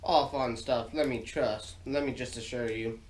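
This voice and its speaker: Over a noisy background, an American podcast host speaks a little slowly in a medium-pitched, steady voice. Recording a casual solo monologue from his home garage, he rambles in an informal, folksy way while recovering from sinus surgery and dealing with throat trouble.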